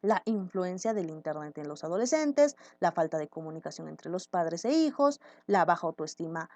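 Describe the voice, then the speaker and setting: A woman's voice: on the low side, big pitch swings, moderate pace, darkish tone. A woman teacher explaining grammar patiently and often checking in with her listeners. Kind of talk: grammar lesson.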